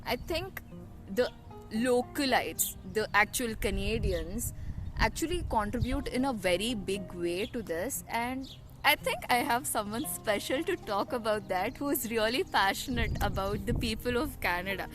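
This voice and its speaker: High-voiced Indian woman with Kannada accent, music behind. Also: expressive, unhurried. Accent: Indian, Kannada-influenced. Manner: conversational, frequent "you know" and "right" tags. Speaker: vlog host. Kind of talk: casual explanatory chat to viewers. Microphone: camera or phone built-in, no external mic. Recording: music behind, no dedicated microphone.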